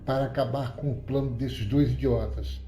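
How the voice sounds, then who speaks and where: Brief: coarse commanding tough guy read by a male narrator, dark mellow voice, roomy echo. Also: medium pitch, steady tone, moderate pace, faint music behind, natural voice. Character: blunt domineering young man, tough enforcer. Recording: roomy echoey recording.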